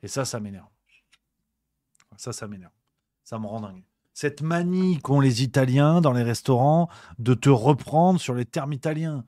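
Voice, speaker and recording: A man's voice: mid-range voice, expressive, a little slow, warm tone, no room sound, clean studio sound. A male host delivering a comedic rant on a livestream show, exasperated and swearing, repeating his grumbles.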